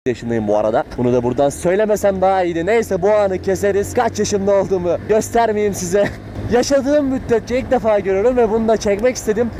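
A man's voice: high-pitched, fast, warm tone. A man chats casually and informally from inside a motorcycle helmet, rambling and interrupting himself as he rides. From Turkey. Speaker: motovlogger. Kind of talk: casual chatty vlog while riding. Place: outdoors, riding a motorcycle through town. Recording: clear road and engine noise.

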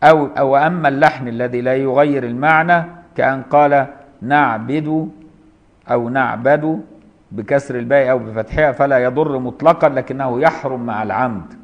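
In a dull, lo-fi recording, a mid-pitched male teacher with an Egyptian Arabic accent lectures on a classical jurisprudence text. He reads passages, explains them in everyday dialect, and pronounces words slowly for clarity.

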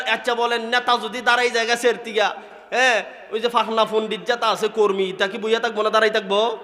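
A man with a Sylheti Bengali accent preaching a sermon at an outdoor religious gathering, shouting with emotion and chanting in a sing-song voice. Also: high-pitched, in a large hall.

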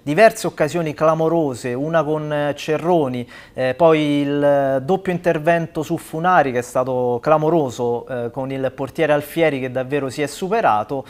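A man in his thirties presents a football report from a studio. His voice sits a little high, and he builds his analysis in halting phrases on a lapel mic. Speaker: sports show host. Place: small indoor TV studio.

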